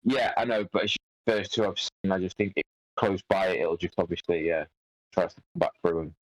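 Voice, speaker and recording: Low-voiced man, stumbling player. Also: fairly even intonation, brisk, dry recording, poor audio. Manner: hesitant, stumbling over words. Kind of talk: tabletop game table talk.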